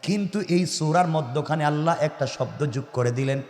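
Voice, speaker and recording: A man preaching a sermon in a high voice, his words ringing through a large echoey hall with a long reverb. He swings from loud shouts down to low, intense speech. He keeps pressing his listeners with rhetorical questions. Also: normal speed. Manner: asks the audience rhetorical questions. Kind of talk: Islamic sermon.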